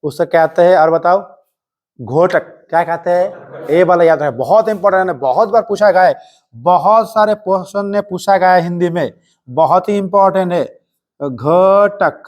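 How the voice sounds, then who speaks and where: Guy teaching a hindi class, kinda high voice, keeps firing questions at students, strict but joking. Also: a little mellow. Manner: quizzing students with rapid call-and-response. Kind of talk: live classroom lesson. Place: coaching classroom.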